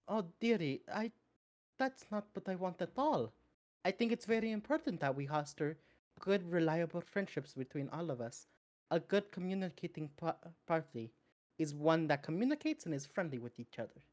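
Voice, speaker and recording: A friendly, motherly adventurer from a tabletop game coaxes in a sweet, patronizing way, as a woman puts her on. The voice sits low for a woman. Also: animated, normal speed, a little mellow, lightly acted. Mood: sweetly coaxing.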